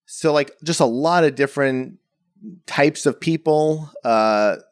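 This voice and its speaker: A young painter from the Bronx, New York, chats casually as an interview guest, rambling and peppering his talk with "like" and "you know." His voice is on the high side, clear and resonant, and he takes his time. The clean studio sound has no echo.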